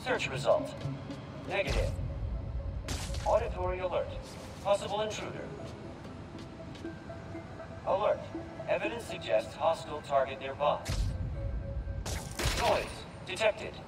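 A cold, mechanical security robot with a robotic filter, reading out clipped alerts in a flat monotone. It sounds distant in the game mix. Loud music plays underneath. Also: male voice, high-pitched, takes it slowly, pauses often, roomy sound. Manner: flat, clipped system announcements.

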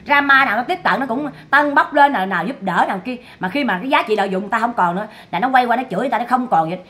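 A woman's voice: on the high side, racing, a bit bright. A woman doing gossip commentary to her viewers, scolding and repeating herself for emphasis. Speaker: online commentator.

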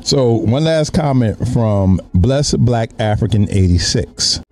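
Close on a stand mic and wearing headphones in a small home podcast studio, a man hosts a show with a medium-pitched, darkish, expressive voice. He speaks slowly over soft background music, bantering bluntly in slang and repeating phrases for emphasis.

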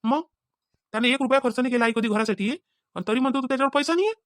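A woman voices a young cartoon husband, in a somewhat high voice. He talks fast, pleading and questioning. The sound is dry. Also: no echo, close to an everyday voice. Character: young husband short of money.

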